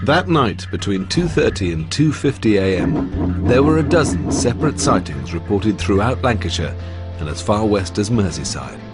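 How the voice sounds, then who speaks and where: Lively documentary narrator man. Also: fairly low pitch, moderate pace, music in the background.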